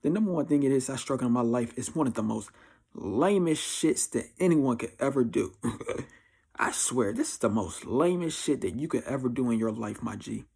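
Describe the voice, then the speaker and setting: Giving life advice as a vlogger, a man aged twenty-four with an American accent speaks to camera in a casual confessional monologue, blunt, emphatic, slangy, and repetitive in phrasing. He sounds expressive at a normal pace, medium-pitched, gravelly, a little mellow, and slightly rough.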